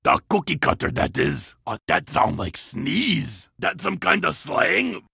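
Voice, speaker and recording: A man voicing a greedy, childlike cookie-loving monster in a children's game, with a gravelly voice and broken grammar. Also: on the high side, very animated, unhurried, bright, forceful tone, dry recording, studio quality, exaggerated voice. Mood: eager. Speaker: in-game character.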